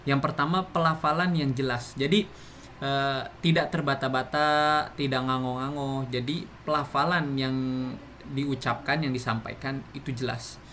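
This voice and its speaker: A man's voice: mid-range voice, steady tone, normal speed, sharp tone, slight background noise. A man giving a classroom explanation, speaking with many fillers and restarts. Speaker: presenter.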